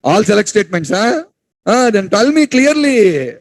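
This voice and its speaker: A man teaching a class, repeating points, quizzing students and scolding them to speak louder. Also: high voice, very animated, normal speed, no echo, poor audio. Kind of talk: classroom lecture.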